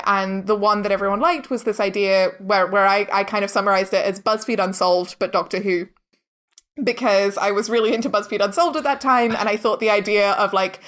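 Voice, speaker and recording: An audio drama director and producer chats casually as an interview guest, filling her informal speech with "like" and "kind of." Her voice is medium-pitched with a fairly bright tone.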